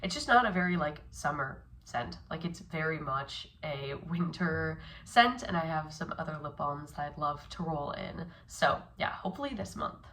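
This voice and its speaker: A woman's voice: low voice, animated, normal speed, hardly any pauses, a bit bright, a little hiss or hum. A young woman vlogging casually about her makeup while sick, chatty and upbeat with plenty of fillers. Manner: chatty, upbeat, lots of likes and ums. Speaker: beauty vlogger. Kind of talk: casual vlog chat.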